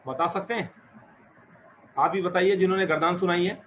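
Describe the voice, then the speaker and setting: A male teacher leads an Arabic grammar class, asking questions and encouraging his students as he explains. His voice sits fairly high. The recording is dull and lo-fi, with faint background hiss. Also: moderate pace.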